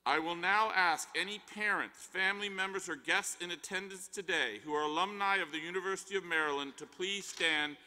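An older man, a dean, giving a measured formal closing address from a podium in a large arena. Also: high voice, bright, forceful tone. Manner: measured, reads from a script. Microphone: podium mic. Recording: long arena reverb.

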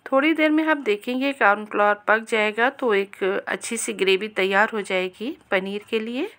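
A calm woman who hosts a cooking channel narrates a step-by-step recipe voice-over in an instructive manner, speaking directly to viewers. Her voice is mid-range and her pace moderate.

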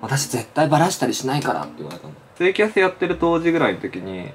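Chatty man in his thirties, lively pitch. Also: fast. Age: 30s. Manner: chatty, playful, feminine-styled speech with frequent laughs. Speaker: channel host. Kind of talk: casual get-ready-with-me chat. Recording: clear background noise.

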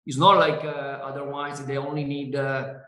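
A man, a winery owner whose first language is Italian, speaking on a video call in halting English with many fillers and restarts. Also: medium pitch, level tone, sharp tone, roomy sound, poor audio. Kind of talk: Zoom wine tasting interview.

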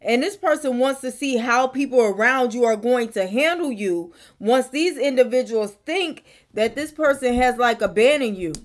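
A woman's voice: on the high side, animated, moderate pace, few pauses. Musing young woman reading tarot. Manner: musing, thinks aloud, repeats phrases. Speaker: tarot reader. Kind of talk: casual tarot reading to camera. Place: bedroom, indoors.

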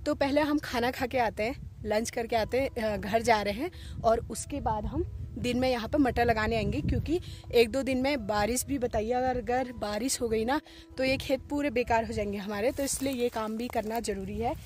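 A woman's voice: on the high side, moderate pace, a little mellow. A woman in her thirties from Uttarakhand, vlogging outdoors in hillside fields, chatty and explaining each farm task as she goes. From Uttarakhand, India. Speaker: village life vlogger. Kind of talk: casual vlog narration to camera. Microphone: phone held at arm's length.

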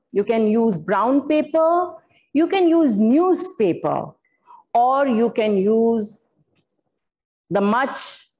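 Slow older woman explaining a craft. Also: on the high side, darkish tone, poor audio. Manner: slow, explaining her materials step by step with fillers. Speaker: floral art demonstrator. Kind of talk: workshop demonstration. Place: indoor studio room.

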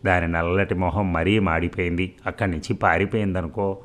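Male reader as teasing young woman, low-pitched, audiobook novel. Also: steady tone, fairly quick, lightly acted.

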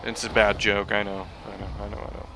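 A man's voice: lowish voice, level tone, fairly quick, background noise. A man giving casual gameplay commentary in a musing, wryly jokey way. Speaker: gaming video commentator.

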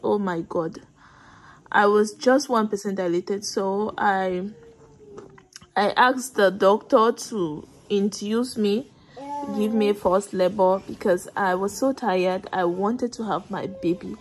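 A woman's voice: mid-range voice, slow, low-quality recording. Chatty woman vlogger talking to viewers. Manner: chatty, addresses viewers directly. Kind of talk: casual vlog update to camera.

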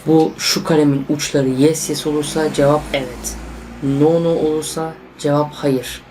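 A young man vlogging casually to camera, tense and excitable, talking to his viewers as friends. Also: fairly high pitch, normal speed, a little hiss or hum. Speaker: YouTuber.

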